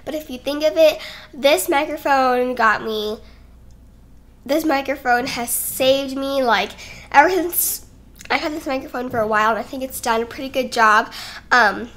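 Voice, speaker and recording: A woman's voice: sits high, normal speed, fairly bright tone. A young woman, likely a teen vlogger at home, chatting casually and rambling a little, slightly out of breath, into a desk microphone. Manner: chatty and rambling, giggly, self-conscious. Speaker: YouTuber. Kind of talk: casual sit-down vlog talk. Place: home, indoors.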